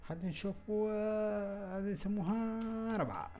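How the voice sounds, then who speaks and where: A young man with an Algerian Arabic accent hosting a software tutorial, thinking aloud in a halting way and muttering to himself as he works. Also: high-pitched, slight background noise. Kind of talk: screen-recorded software walkthrough.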